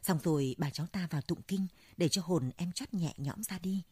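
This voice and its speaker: A kindly old grandmother soothes a grieving child, voiced by a woman. Her voice is low and husky and stays soft and gentle. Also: normal speed, dry recording. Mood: comforting.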